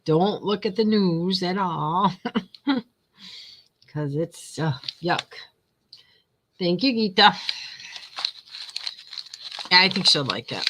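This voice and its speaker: A woman's voice: lowish voice, pushed and bright. An older woman hosting a casual craft livestream, chatting in a rambling way and laughing often. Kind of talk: casual chat while crafting. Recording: noisy home recording.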